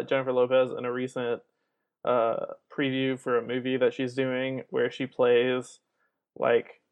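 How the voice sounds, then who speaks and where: A man with a medium-pitched voice chatting casually on a podcast. He is quick to laugh and enjoys quizzing his co-host with trivia. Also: dull audio.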